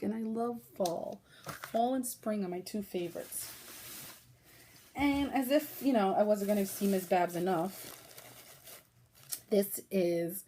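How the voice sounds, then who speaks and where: A woman's voice: mid-range voice, dark tone, slight background noise. A woman from Brooklyn with a New York accent, hosting a casual yarn haul chat, chatty and gushing, often laughing. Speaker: knitting podcast host.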